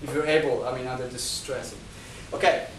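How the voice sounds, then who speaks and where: This male guest speaker has a medium-pitched, steady voice and speaks fairly quickly. His lecture-style talk to a discussion group at an indoor venue moves through numbered points with many restarts and repeated words, and he is not a native Chinese speaker. Recorded from a distance in an echoey room, the clip has a little hiss or hum.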